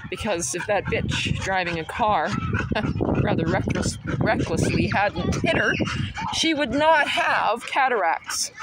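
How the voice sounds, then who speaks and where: A woman's voice: mid-range voice, heavy background noise. A woman in her sixties rambling outdoors, laughing often and chatting to her dogs. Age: 60s. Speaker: vlogger talking to children.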